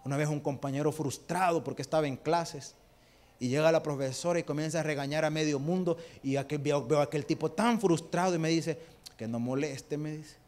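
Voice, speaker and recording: Predicador salvadoreño de voz aguda, le hace preguntas a la congregación, le dice hermano a todos, con ejemplos caseros. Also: male voice, fairly high pitch, fairly even intonation, a little fast, darkish tone. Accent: Salvadoran Spanish. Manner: rhetorical questions to the congregation, calling them brother; homely, folksy examples. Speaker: preacher. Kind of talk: sermon.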